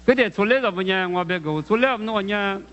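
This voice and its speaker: This high-voiced male preacher has a fairly bright tone and delivers his sermon haltingly, circling back on his words while questioning his listeners. His voice comes through muffled and dull, echoing at length in a big hall.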